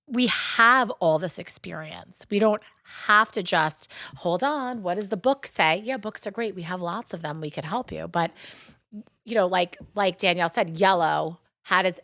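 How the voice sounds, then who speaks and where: Long Island woman co-host, lively chatty delivery, dry close mic. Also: fairly low pitch, unhurried, dry recording. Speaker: podcast co-host. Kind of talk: casual podcast chat.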